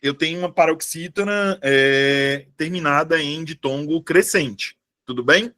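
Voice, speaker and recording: A man teaches grammar in a live online class, with a voice pitched a little high. He talks in a relaxed, chatty way and keeps stopping to ask whether everyone has understood. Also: unhurried. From Brazil. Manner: chatty, asks students constant checking questions. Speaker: Portuguese teacher for civil service exam prep.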